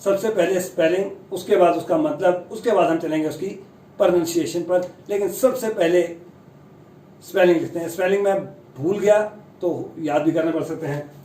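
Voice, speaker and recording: A man teaching the pronunciation of long English words, chatty and self-deprecating, slowly sounding out each word. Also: sits high, dark tone, roomy sound, far from the mic, a little hiss or hum, low-quality recording. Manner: slow, careful spelling-out of long English words. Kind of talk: Hindi-language pronunciation lesson.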